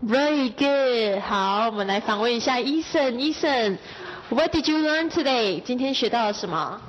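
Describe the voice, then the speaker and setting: A woman's voice: on the high side, expressive, unhurried, highs cut off. A woman from Taiwan with a Taiwanese Mandarin accent, encouraging her students in a corporate classroom. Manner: upbeat, encouraging. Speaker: English teacher. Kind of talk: classroom interview.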